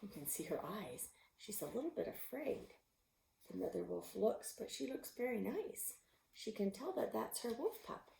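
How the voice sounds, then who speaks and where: A woman reading a picture book aloud, expressive, sometimes dropping to a whisper. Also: mid-range voice, moderate pace, gravelly, slight background noise. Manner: expressive, with gasps and animal sounds; drops to a whisper at tense moments. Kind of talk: storybook read-aloud. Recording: roomy echo.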